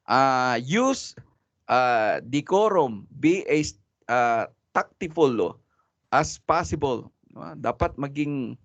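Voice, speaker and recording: Man, preaching teacher, casual mixed-language lecture, fairly high voice, dull dry lo-fi sound. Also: no echo. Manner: mixes Tagalog and English, chatty, laughs often, acts out loud preachers. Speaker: homiletics teacher. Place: church classroom.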